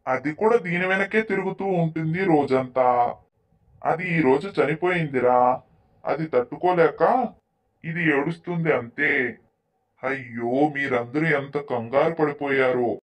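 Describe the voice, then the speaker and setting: A woman voicing a kindly old village grandfather who gently scolds his wife. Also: deep voice, a little slow, pauses often, pitched below the performer's own voice. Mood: gentle, chiding.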